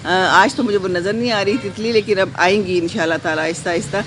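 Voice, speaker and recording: Soft-spoken woman chatting on a live stream outside in her garden, slow and reflective, blessing everyone, faint background hum. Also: medium pitch. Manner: gentle, reflective, unhurried with pauses and fillers; mixes English phrases into her talk. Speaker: vlogger hosting a live stream. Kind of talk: casual live-stream chat, reading viewer comments.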